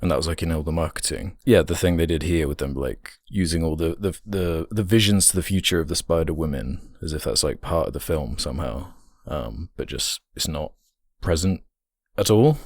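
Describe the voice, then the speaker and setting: A very low-pitched man talks loosely about films on a podcast, circling his points and trailing off. His voice is dry and close to the mic, with no room sound. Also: normal speed, dry recording. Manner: rambling, trailing off with laughs. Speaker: podcast co-host. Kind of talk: casual film review chat.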